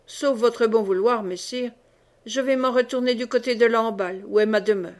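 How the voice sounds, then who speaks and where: A woman's voice: fairly high pitch, normal speed, lightly acted. A woman reading the part of a grave, formal man-at-arms.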